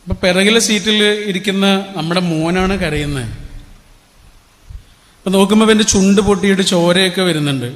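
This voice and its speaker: Middle-aged Malayali man, high pitch, storytelling speaker with rhetorical questions. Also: a little fast, long reverb tail. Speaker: public speaker. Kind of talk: motivational speech.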